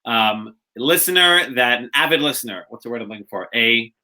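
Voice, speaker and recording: A young American man who later lived in Israel co-hosts a podcast, his medium-pitched voice animated, fairly quick, pushed and bright. The casual chat rambles along with joking asides and constant self-interruptions.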